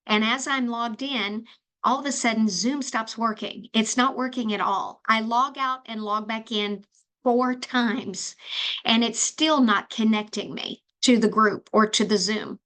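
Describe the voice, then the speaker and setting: Bright-voiced woman podcast host. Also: fairly high pitch, steady tone, unhurried. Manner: chatty storytelling with fillers and restarts. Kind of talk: solo podcast monologue.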